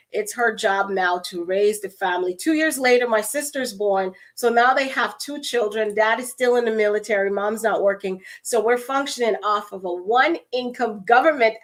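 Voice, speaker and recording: A woman from Guyana with a Guyanese accent, giving an expressive, conversational motivational talk and calling her listeners her friends. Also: mid-range voice, moderate pace. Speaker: motivational speaker.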